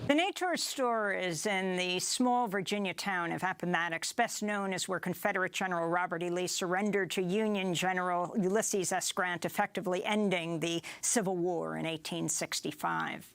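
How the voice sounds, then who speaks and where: Low-voiced woman news narrator. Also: normal speed, few pauses, fairly bright tone, clean tone, no echo. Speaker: news reporter.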